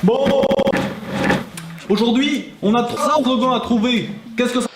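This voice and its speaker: A man whose voice is pitched up by a voice changer, heard in an edited video clip. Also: measured pace, music in the background.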